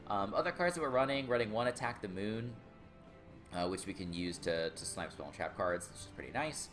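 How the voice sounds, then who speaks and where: Casting note: young male gamer, very low voice, easygoing deck talk, faint music under him. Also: a little fast. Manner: relaxed, many uh fillers, explains card combos. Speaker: gaming YouTuber. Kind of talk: casual deck explanation.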